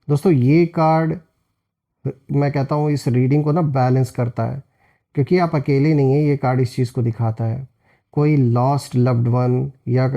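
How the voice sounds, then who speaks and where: In a warm, mid-range voice, a male host and tarot card reader explains the cards, addressing his viewers as friends.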